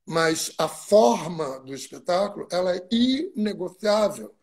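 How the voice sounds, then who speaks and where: A man's voice: sits high, animated, a little slow, creaky. A man from Brazil, a guest stage actor in a video-call interview, recalls his work at length with asides and digressions. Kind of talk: reflective interview storytelling.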